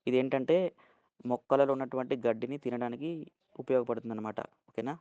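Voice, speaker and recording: Gravelly man teaching with a Telugu accent. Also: mid-range voice, darkish tone, no echo. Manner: spells words letter by letter and keeps asking "okay?". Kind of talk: vocabulary lesson, spelling out words.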